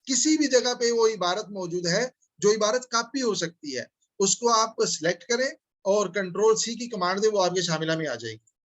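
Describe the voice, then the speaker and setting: A man with a notably high voice leads a software tutorial, narrating over his screen recording. He moves patiently through each click and keeps checking that his students are following along. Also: animated. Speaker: instructor.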